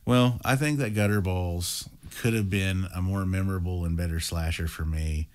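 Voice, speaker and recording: Low-voiced, wry young male horror reviewer. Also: clear, resonant tone. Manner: measured, opinionated, wry. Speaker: co-host, horror film reviewer. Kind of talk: casual review chat.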